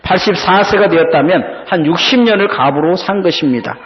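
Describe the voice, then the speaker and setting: A man preaching in a church, telling a story and giving each person in it a voice. His voice sits a little high, and a long hall echo trails after each phrase. The sound is slightly dull. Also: animated, brisk. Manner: storytelling preacher who acts out the quoted characters. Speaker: pastor. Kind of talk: sermon. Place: church sanctuary.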